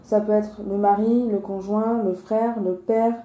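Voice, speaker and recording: Lisping woman with a very soft, mellow tone. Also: mid-range voice, fairly even intonation, unhurried, a little hiss or hum. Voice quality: slushy lisp on s sounds. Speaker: host of a weekly card-reading video. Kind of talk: casual explanatory card reading. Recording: roomy, echoing sound.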